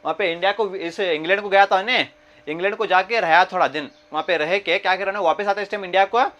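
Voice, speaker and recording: Male commerce lecturer, Kannada-region accent, fairly high voice, keeps quizzing the class, repeats terms. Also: a bit bright, highs cut off. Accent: Kannada-region Indian English. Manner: repeats key terms, quizzes students with questions; mixes Hindi with English terms, reads problems slowly. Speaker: commerce teacher.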